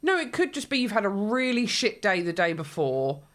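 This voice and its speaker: Woman, thirties, podcast co-host, blunt and sweary, lively voice. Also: mid-range voice, moderate pace. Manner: blunt and sweary, laughs often. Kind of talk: casual chat.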